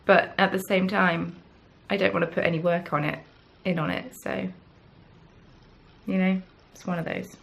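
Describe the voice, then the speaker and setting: A woman's voice: fairly low pitch, fairly even intonation, normal speed, creaky, pauses often, fairly bright tone. A young woman from the south of England with a Southern English accent, hosting a casual crafting podcast and chatting in a rambling, self-deprecating way. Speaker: podcast host. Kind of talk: casual chat.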